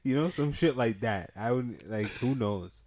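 A man's voice: medium pitch, expressive, measured pace, darkish tone. A young man hosting a casual chat, speaking in a hesitant, rambling way with heavy street slang. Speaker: podcast host.

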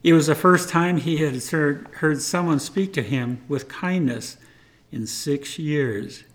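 A man tells a testimony from the pulpit. He speaks in an earnest, measured way. His voice sits somewhat high for a man. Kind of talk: retelling a testimony.

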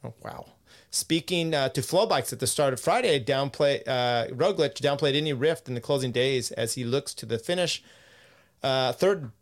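Rambling, swearing male podcast host. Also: mid-range voice. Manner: rambling, swears, laughs while reading news quotes. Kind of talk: casual chat.

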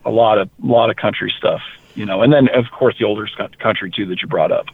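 A man from rural Maine, a heavy metal musician, talking casually in an interview, animated and quick to repeat words. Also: on the low side, creaky, breathy edge, dry recording. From rural Maine, USA. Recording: tinny phone-like line.

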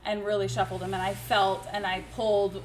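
A woman's voice: mid-range voice, little pitch movement, a little fast. A woman from the audience explaining a card reading she did for the hosts, in an eager, slightly hesitant manner. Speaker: audience member giving a reading. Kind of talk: casual chat at a live event. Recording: loud crowd noise around her.

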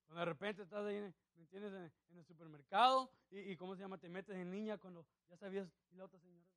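A man's voice: high voice, fast talker, fairly bright tone, no room sound. A male pastor preaching a sermon who calls out questions to the congregation.

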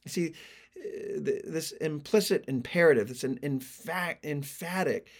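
Man, podcast host, Bible study teaching, earnest, deliberate, slow delivery, raised pitch. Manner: deliberate, earnest, eager to explain.

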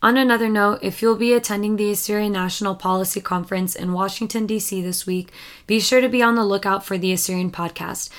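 A woman hosting a podcast, reading promos and sponsor thanks briskly and then asking her guest gentle, probing questions. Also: mid-range voice, steady tone. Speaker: podcast host. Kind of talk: podcast intro and interview.

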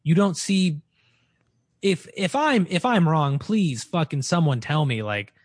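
Lively, exasperated podcast guy. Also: fairly high pitch, measured pace, breathy edge, dry recording. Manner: exasperated, emphatic opinions. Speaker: podcast co-host. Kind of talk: casual chat.

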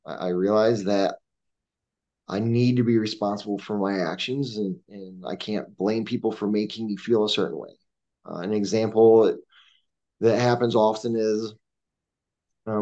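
A man speaks in a lowish voice, pausing often and restarting his sentences as he reflects. The recording is dull and lo-fi, with the top end rolled off. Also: darkish tone. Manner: hesitant, many ums and restarts. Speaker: combat veteran guest. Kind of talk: reflective conversation. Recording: dull lo-fi sound.

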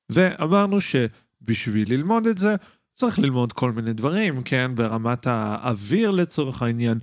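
A man's voice: medium pitch, no room sound, clean studio sound. A man with an Israeli accent giving an informal explanatory lesson as a singing teacher and podcast host, often checking in with his listeners.

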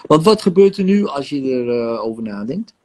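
A man's voice: fairly high pitch, sing-song, a little fast, a little mellow. A man guiding a casual coaching conversation, talking animatedly with many fillers and acting out inner voices. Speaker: host and session guide. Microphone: online live session.

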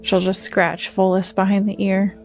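A woman's voice: mid-range voice, monotone, moderate pace, a little mellow, faint music behind. A woman playing in a tabletop game, describing her character's actions in a casual, chatty way. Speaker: player.

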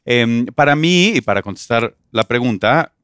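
A man's voice: mid-range voice, lively intonation, moderate pace, fairly bright tone, smooth, no room sound. A man with a Mexican accent, a guest telling an earnest story about being a stepfather in a casual chat.

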